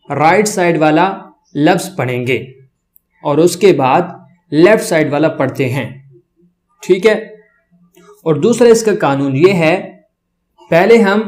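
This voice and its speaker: A man teaching the Arabic alphabet to beginners, drawing out each letter sound slowly and often checking in with his learners. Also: on the high side, a little mellow. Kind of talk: children's reading lesson.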